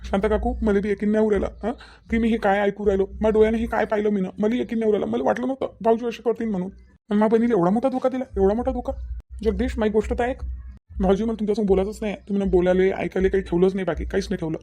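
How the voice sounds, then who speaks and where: A man's voice: high voice, fairly even intonation, very fast, warm tone. A man with a Vidarbha Marathi accent voicing a young cartoon brother, bitter and reproachful, repeating his words. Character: heartbroken young man defending his sister. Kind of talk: cartoon dialogue acting.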